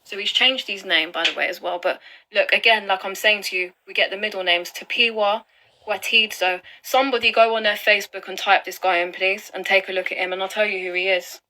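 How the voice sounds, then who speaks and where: A woman video blogger gives upset, urgent live commentary on online records to her viewers, swearing and pressing her points. Her voice is medium-pitched, brisk, pushed and bright, with a steady tone.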